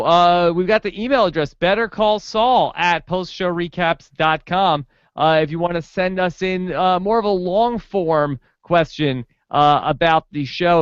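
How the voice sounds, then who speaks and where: A man co-hosting a casual recap podcast, relaxed and joking as he reads out the show's plugs. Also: on the high side, smooth, no room sound. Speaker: podcast co-host. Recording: dull, dry home recording.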